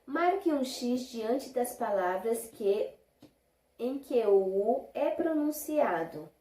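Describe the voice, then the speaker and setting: A primary school teacher leads a lesson for young children in Brazilian Portuguese, patiently stretching syllables slowly when modelling words and asking short questions to check in. Her voice is on the high side, very animated and mellow. The sound is roomy.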